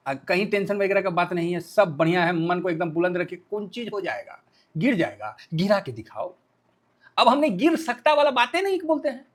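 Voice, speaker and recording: Guy with a highish voice doing chatty joking stock market talk, lots of questions to himself. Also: moderate pace. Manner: joking, colloquial, full of rhetorical questions; lively, playfully acts out the news. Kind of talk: casual market commentary.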